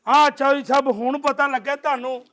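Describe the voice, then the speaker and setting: A man's voice: very high voice, level tone, fairly quick. A man playing a fawning yet bossy village bandmaster in a comedy sketch, with a Pakistani Punjabi accent. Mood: wheedling. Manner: wheedling, bossy.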